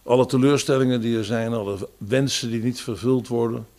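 A man preaching a sermon, quoting psalms and scripture, with raised emphasis that falls to quiet phrases. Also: medium pitch, fairly even intonation, a little fast.

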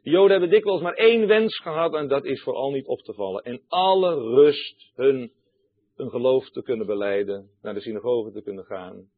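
Husky male preacher on a tinny line. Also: mid-range voice, lively intonation, moderate pace. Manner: emphatic, repeats key phrases, addresses listeners directly. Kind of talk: sermon.

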